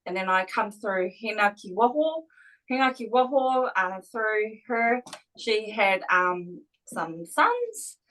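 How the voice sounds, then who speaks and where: A woman's voice: medium pitch, big pitch swings, slow, fairly bright tone, rough recording. A woman with a Māori New Zealand accent casually explaining family lineage in a bilingual way.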